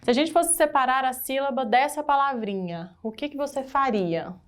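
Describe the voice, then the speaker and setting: Woman, Brazilian Portuguese accent, fairly high voice, lively teacher, quizzes her students. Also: normal speed. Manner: animated, asks the class questions and stresses key words. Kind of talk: exam-prep grammar lesson.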